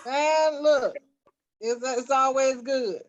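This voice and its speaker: High-voiced playful woman from Chicago. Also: slow pace, dull audio, noisy background. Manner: playful, retorting, casual. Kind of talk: casual chat.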